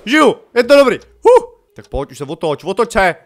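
A man giving casual, jokey let's-play commentary, swinging from loud excited outbursts to low mutters. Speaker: gaming youtuber.

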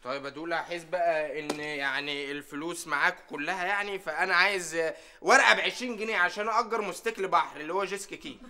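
A man's voice: a little high, quick pace, noisy background, lightly acted. An actor playing a lazy, grumbling young bazaar assistant with an Egyptian accent, whining his comebacks in a sitcom. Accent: Egyptian Arabic. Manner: whiny, mumbling comebacks. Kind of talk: sitcom acting.

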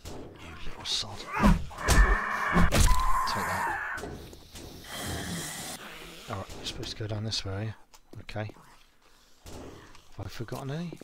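A man's voice: on the low side, moderate pace, pauses often. A man talking to himself as he plays a survival game, muttering and swearing mildly. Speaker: gaming YouTuber. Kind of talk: let's play commentary. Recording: loud game noise behind.

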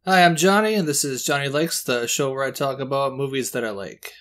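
A man's voice: medium pitch, fairly quick, fairly bright tone. A man hosting his own movie review show, talking casually with chatty, self-deprecating asides. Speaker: host.

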